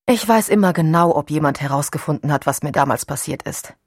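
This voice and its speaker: A woman's voice: low voice, a little fast, dry recording, clean studio sound. A woman voicing a guarded, proud young woman in an audiobook, speaking firmly and earnestly. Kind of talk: audiobook dialogue.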